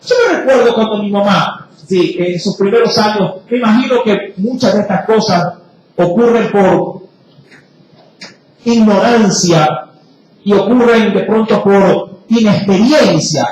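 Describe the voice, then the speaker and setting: A male preacher giving an emphatic sermon, moving between loud emphasis and quiet low asides. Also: a little slow. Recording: very echoey room, faint noise.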